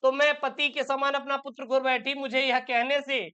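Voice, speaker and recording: A woman's voice: high voice, level tone, moderate pace, sharp tone. A woman teaching an exam-prep lesson, explaining a poem line by line and asking and answering her own questions.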